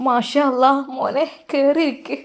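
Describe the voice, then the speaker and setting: A woman voicing a kind middle-aged mother, a teacher's wife, who speaks with a Malappuram Malayalam accent in a warm, pleading way. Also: high voice, steady tone, measured pace, pitched above the performer's own voice. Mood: welcoming.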